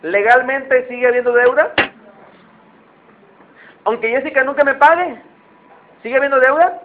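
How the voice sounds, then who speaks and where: High-voiced preacher on a tinny line. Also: male voice, moderate pace, a little hiss or hum. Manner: conversational, asks the listeners questions. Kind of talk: sermon. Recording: tinny phone-like sound.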